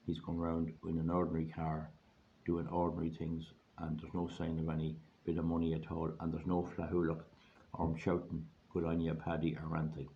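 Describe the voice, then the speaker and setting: A hoarse Irish man giving an informal, rambling monologue in a plain-spoken, folksy way, repeating phrases for emphasis. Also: rumbling low, monotone, fairly quick. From Ireland. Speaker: online video host giving money advice. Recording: dull lo-fi audio, faint background noise.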